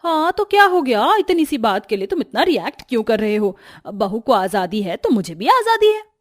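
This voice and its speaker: A woman voicing a bossy, stubborn older mother-in-law in an animated cartoon story, who wails and complains loudly. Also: a little high, moderate pace, faint music behind.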